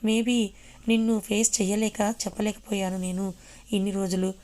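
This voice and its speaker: A woman's voice: medium pitch, steady tone, moderate pace, warm tone, lightly acted. A woman voicing a young man in love who pleads earnestly in a storybook reading. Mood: pleading.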